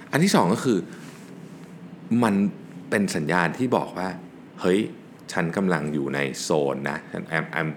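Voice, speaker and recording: A podcast host and business owner with a low, deep voice gives a relaxed solo talk about working better. He explains things casually and slips English work terms into his sentences, with a faint background noise beneath him.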